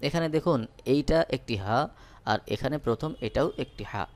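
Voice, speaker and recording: Man, teacher, patient step-by-step recitation lesson, repeats letter pairs, mid-pitched voice. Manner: slow, drilling letter pairs with repetition. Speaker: Quran reading teacher.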